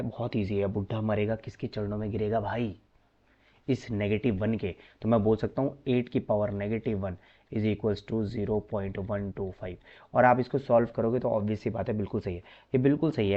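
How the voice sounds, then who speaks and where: Guy teaching maths online, chatty and coaxing, mid pitch, kinda dull lo-fi audio. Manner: chatty, coaxing, calls students bhai.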